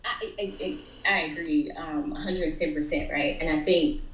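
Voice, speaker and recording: A young woman working as a counselor, telling her story in an animated casual way as a guest. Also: low-pitched, moderate pace, slight background noise. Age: young adult. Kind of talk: casual conversation. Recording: roomy, dull lo-fi sound.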